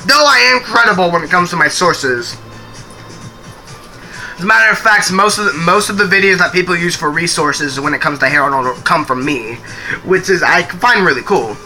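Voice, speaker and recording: A young man chats on a live stream in a rambling, casual way, restarting his sentences and swearing now and then. His voice sits high and sounds very bright and sharp. Faint music plays behind him. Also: animated, moderate pace.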